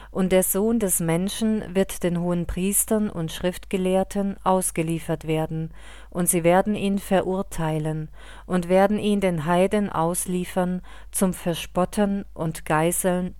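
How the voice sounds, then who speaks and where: A woman reading the words of a calm male teacher speaking to his followers, in a solemn, measured way. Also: high voice, clear, resonant tone, no room sound, studio quality.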